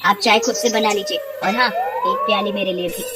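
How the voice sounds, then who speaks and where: A woman's voice: medium pitch, huge pitch swings, normal speed, music in the background. A woman voicing a lazy, sarcastic young village wife who scolds her husband. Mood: scolding.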